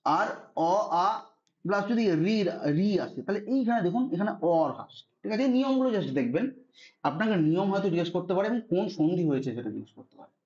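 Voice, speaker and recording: A man's voice: high voice, animated, fast, a little mellow, highs cut off. A man teaching a Sanskrit grammar lesson online, patiently spelling out rules and often checking that students follow. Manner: patient, repeats "ঠিক আছে" to check understanding.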